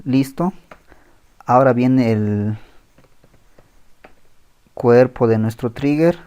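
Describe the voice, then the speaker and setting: A man teaching a screen-recorded coding tutorial, thinking aloud as he types, pausing and correcting himself. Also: medium pitch, mellow, smooth. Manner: thinks aloud while typing, with pauses and self-corrections. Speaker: programming tutor.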